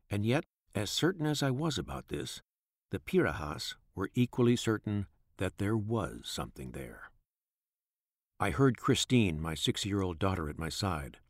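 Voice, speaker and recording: A man narrating his own memoir in the first person, measured and reflective. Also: deep voice, no room sound, studio quality.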